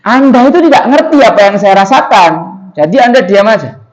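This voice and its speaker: A preacher voicing a grieving, distraught mother who snaps and pleads in a higher voice. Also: animated, brisk, rough recording. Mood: angry. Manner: shrill snapping, then pleading.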